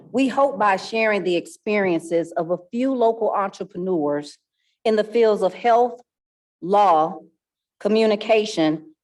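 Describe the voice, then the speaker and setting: A woman's voice: mid-range voice, a little mellow. A woman moderator delivering a scripted, formal closing address to a community audience. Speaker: panel moderator.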